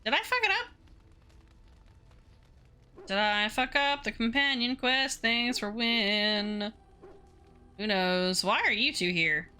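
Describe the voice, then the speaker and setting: A woman's voice: a little high, expressive, slow, long pauses, sharp tone, smooth. A woman streaming a game, informal and sweary, muttering to herself and reading dialogue choices aloud. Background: game music.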